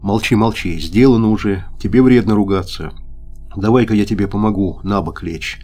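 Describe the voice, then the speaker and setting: A man voicing a calm, older army orderly with a slightly husky bass, speaking in an unhurried, offhand way.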